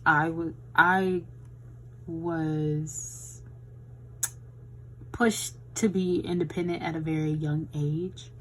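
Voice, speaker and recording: A woman's voice: sits low, a little hiss or hum, rough recording. A woman in her twenties chatting casually while swatching nail gels, with a tired voice and a rambling, chatty way of talking. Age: 20s. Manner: chatty, rambling, says "y'all". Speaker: beauty vlogger.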